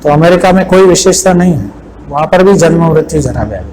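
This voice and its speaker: A man delivers a devotional scripture lecture in a fairly high voice. He chants verses slowly and keeps putting rhetorical questions to his listeners. A faint hiss of noise sits under the recording. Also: lively intonation, a little mellow, low-quality recording.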